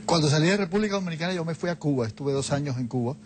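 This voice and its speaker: A man's voice: on the high side, lively intonation, very fast, background noise. An older man, a guest in a TV studio interview, explaining things reflectively into a lapel mic. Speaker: guest, Jesuit leader. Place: TV studio set, seated on a sofa.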